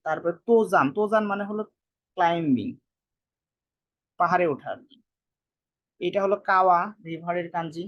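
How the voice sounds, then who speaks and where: A teacher giving a casual spoken lesson, repeating each word and explaining it slowly in speech. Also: mid-range voice. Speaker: Japanese language teacher.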